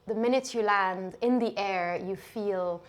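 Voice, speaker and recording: Woman from Lebanon, thirties, soft-spoken, hesitant with fillers, interview guest. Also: medium pitch, measured pace. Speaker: guest, shoe designer. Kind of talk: relaxed interview conversation.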